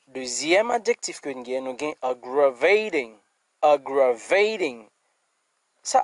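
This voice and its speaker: A man with a Haitian accent teaching an English lesson, slowly repeating words and checking in with "d'accord?" and "hein". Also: fairly high pitch, no echo. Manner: slow, repeated word-by-word pronunciation drills.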